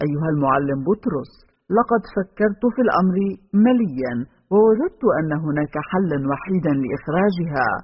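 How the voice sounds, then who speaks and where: A man's voice: a little high, animated, a little fast, breathy edge. A man voicing a cold, calculating middle-aged priest in a novel reading. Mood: scheming. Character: scheming stern middle-aged male priest. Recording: dull home recording with long reverb.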